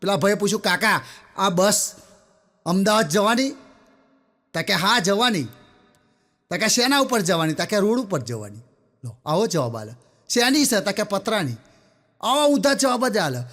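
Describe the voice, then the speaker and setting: A man's voice: high voice, fairly bright tone. A man telling a string of comic jokes in a chatty storytelling way, often turning to address his listeners directly. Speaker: stand-up comedian. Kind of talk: Gujarati folk joke telling.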